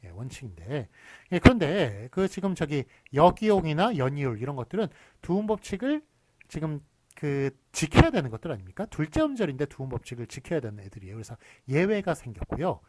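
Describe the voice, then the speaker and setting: A man's voice: on the high side, very animated, fairly quick, a little mellow. A middle-aged man lecturing on spelling rules, explaining step by step and often dropping short "yes" fillers. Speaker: university lecturer.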